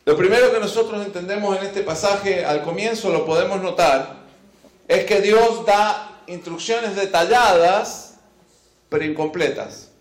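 A high-pitched man preaches at a measured pace, reading from scripture and then addressing his listeners directly. He stresses and repeats his key phrases, and the room has an echo.

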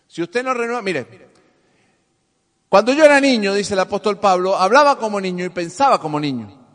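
A male pastor preaching a sermon to his congregation, swinging from soft asides to loud emphasis and calling for responses. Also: high voice, lively intonation, moderate pace. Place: church hall with congregation. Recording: long hall reverb.

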